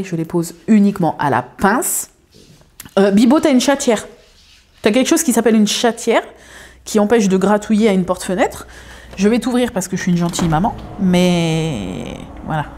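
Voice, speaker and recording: Woman craft vlogger, lower voice, soft mellow tone, chatty and rambling. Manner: rambling, many fillers and restarts. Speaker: craft video creator. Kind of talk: casual chat to viewers. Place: home.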